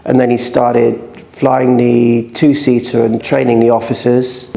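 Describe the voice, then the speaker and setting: A man telling a family story as an interview guest, in a measured and earnest way. His voice is dark and mellow with a gravelly edge. He speaks at an ordinary middle pitch. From United Kingdom.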